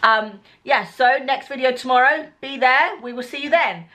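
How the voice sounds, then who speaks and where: A woman's voice: high voice, moderate pace, background noise. A woman with a British accent chatting casually as a mother in a family vlog, recorded indoors on a camera mic. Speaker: vlogger and mother. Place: small living room indoors. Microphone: camera mic at arm's length or on table. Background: music, children.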